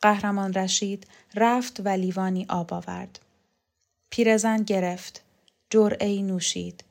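A woman reads a literary novel aloud in calm, measured narration. Her voice sits at a middling pitch for a woman, steady and even in delivery. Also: creaky. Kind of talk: scripted audiobook narration of a novel.

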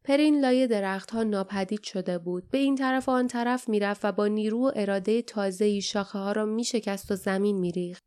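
A woman reading an audiobook as narrator, telling the story in a calm, even way. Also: medium pitch, hardly any pauses, clean tone. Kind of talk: scripted narration.

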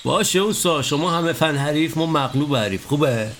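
A man's voice: fairly high pitch, expressive, a bit bright, slight background noise. An actor playing a cheeky young apprentice snake catcher who teases and jokes with his master. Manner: cheeky, teasing banter.

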